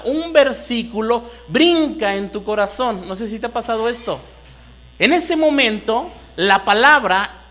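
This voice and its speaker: A man's voice: high-pitched, pushed and bright. A man with a Mexican Spanish accent preaching a sermon to a congregation, rising into emphatic bursts and asking the room questions. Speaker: pastor. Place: church hall.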